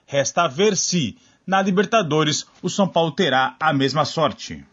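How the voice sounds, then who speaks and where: A man with a Brazilian accent reading a scripted sports report in an even, measured way. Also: on the high side, muffled recording, noisy background.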